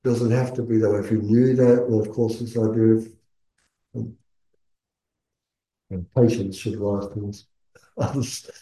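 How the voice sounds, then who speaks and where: A man speaking as a Buddhist meditation teacher, giving earnest, measured spoken teaching with pauses mid-phrase. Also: fairly low pitch, level tone, dark tone. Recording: echoey room.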